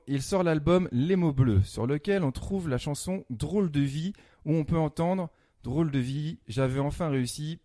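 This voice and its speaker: A man's voice: a little high, dark tone, dry recording, studio quality. A man presenting a scripted comic music column as a mock-detective story, with punchy asides.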